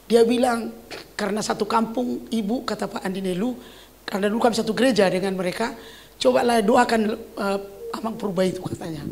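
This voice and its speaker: An older woman pastor preaches in a lively, storytelling way. She breaks out in sudden loud exclamations to make her points. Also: mid-range voice, fairly quick. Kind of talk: sermon.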